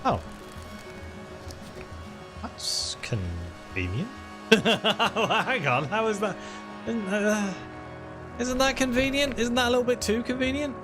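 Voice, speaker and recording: A man's voice: high-pitched, sing-song, slow pace, long pauses, music in the background. A man from Wales with a Midlands accent, chatting and joking while playing a game. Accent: Midlands English. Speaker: let's-play streamer. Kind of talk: casual game commentary.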